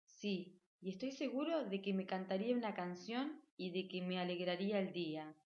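A woman voicing a small, lonely yellow bird boy who pleads tearfully for a mother. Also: medium pitch, moderate pace, roomy sound, highs cut off, natural voice. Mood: pleading.

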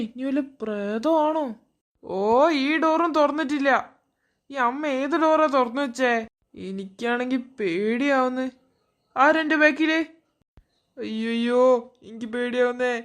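ഒരു സ്ത്രീ ചെയ്യുന്ന ക്ഷീണിച്ച, പേടിക്കുന്ന വീട്ടമ്മ. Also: female voice, sits high. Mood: scared. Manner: muttering to herself, easily scared. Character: tired woman home from work, jumpy.

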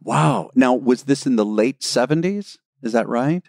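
A podcast host with a medium-pitched, expressive, gravelly voice interviews a guest, reacting with enthusiasm and curiosity and quickly exclaiming "wow." The studio-quality recording has no echo.

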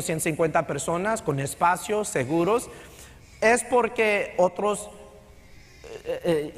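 A middle-aged Texan pastor delivers a conversational sermon in Texan-accented Spanish, slipping English phrases in as he goes. His voice sits high and a touch bright. He is on the stage of a large church sanctuary, and the recording carries a long hall reverb.

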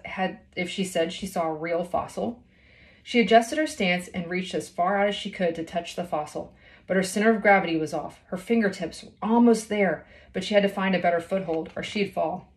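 The audio is poor, but you can hear a woman in her thirties with a mid-range voice telling a children's novel as a storyteller. It was recorded at home in a small indoor room.

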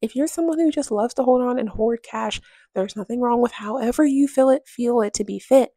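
Chatty young woman with gravelly voice. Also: a little high, brisk, warm tone, dry recording. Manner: candid, emphatic, rhetorical questions. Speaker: home vlogger. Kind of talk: voice-over chat while cleaning.

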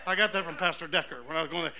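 A man's voice: a little high, rapid-fire, creaky, pushed and bright. A man preaching a storytelling sermon in a church, punctuating his points with calls of amen. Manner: storytelling, exclamatory, calls for amens. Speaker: pastor. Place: church sanctuary.

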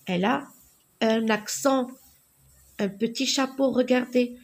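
A woman teaching young children to read, slowly repeating words and sounding out letters. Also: on the high side, creaky. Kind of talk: reading lesson for young children.

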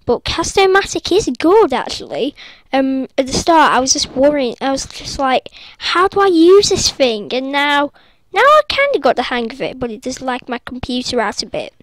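A woman gaming vlogger, sitting up in bed, rambles casually into her laptop while commenting on a game, breaking into squeals and quick sorries. Her high voice is sing-song and fairly bright, captured close and dry with no echo.

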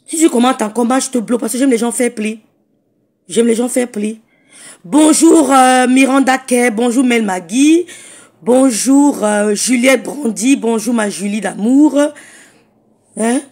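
A woman with a hoarse, croaky voice, chatting casually on a phone live stream and greeting viewers by name. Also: fairly high pitch, a little mellow.

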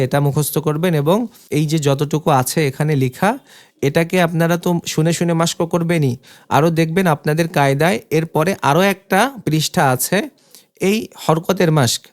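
A teacher giving a recorded reading lesson, spelling out letters and vowel marks syllable by syllable, then repeating each joined sound slowly and patiently before giving homework. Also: mid-range voice, a little mellow. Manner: slow, patient drilling with many repetitions.

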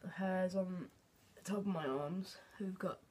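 A young man recording a casual video diary at home, halting and hesitant, often trailing off into a near-whisper at the ends of his phrases. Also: sits high, fairly even intonation, darkish tone. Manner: hesitant, halting, with many fillers and restarts. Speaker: vlogger. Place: at home, indoors.

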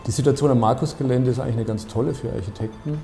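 A man in his fifties, an architect, explaining his building in a measured, thoughtful interview with frequent hesitations. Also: medium pitch, gravelly, over music. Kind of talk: documentary interview. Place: bright office, seated at a desk.

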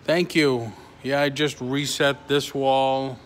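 A middle-aged toy reseller livestreams from a big indoor antique mall booth with a concrete floor, chatting casually and haltingly as he reads and answers comments. His voice is medium-pitched and flat. He holds the phone at arm's length or closer, and the handheld recording picks up clear ambient noise.

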